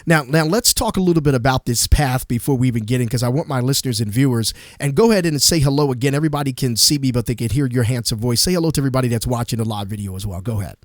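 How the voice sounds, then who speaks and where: A man's voice: medium pitch, racing, hardly any pauses, no echo, studio quality. A man hosting a gospel radio show, talking with enthusiastic, emphatic, repetitive energy.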